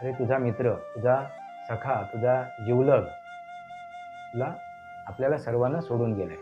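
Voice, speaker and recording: A tearful mother speaks softly and consolingly to her son, voiced by a male storyteller. The voice stays near the narrator's own middle pitch. The recording is muffled and lo-fi, with faint music in the background. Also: normal speed, close to an everyday voice.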